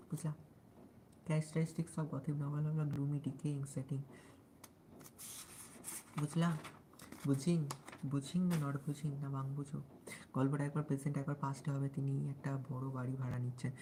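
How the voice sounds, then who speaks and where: A young man with a Bangal-tinged Bengali accent talks in a soft, sweet voice on a live stream. He reads study notes aloud and keeps asking his viewers whether they follow. A faint ambient hum runs underneath. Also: a little high, poor audio. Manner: deliberately soft, sweet way of speaking; chatty, often asks listeners if they follow. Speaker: livestreamer studying for exams.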